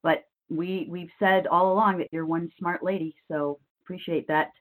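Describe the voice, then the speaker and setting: Relaxed, encouraging podcast host. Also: mid-range voice, normal speed, poor audio. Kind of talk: casual interview conversation.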